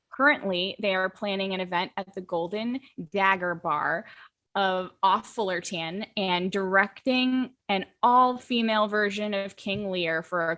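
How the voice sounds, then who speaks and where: A woman's voice: mid-range voice, pushed and bright. A woman in her thirties hosting a podcast, chatting in an upbeat, playful way. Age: 30s. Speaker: podcast host. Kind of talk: casual podcast chat.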